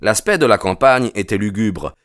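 Deep-voiced male audiobook narrator. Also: lively intonation, normal speed, a bit bright, no echo, clean studio sound. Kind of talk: scripted narration.

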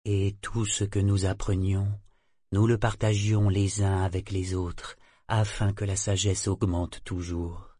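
A man voicing an ancient male sea serpent leader who speaks softly and gravely, without emotion. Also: no room sound, studio quality, heavily acted. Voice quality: husky, low and unhurried. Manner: soft, emotionless, slow and grave. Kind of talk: audiobook character voice.

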